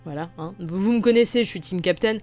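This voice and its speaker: A woman's voice: medium pitch, quick pace, a little mellow. A young woman hosting a video, giving playful, teasing commentary on fan poll results. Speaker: video host. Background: faint music.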